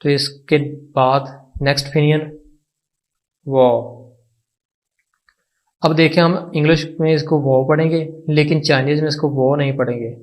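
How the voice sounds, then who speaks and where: A man with a Pakistani Urdu accent teaches an online language lesson slowly and patiently, repeating each word so learners can drill it. His voice sits on the high side, with a steady tone.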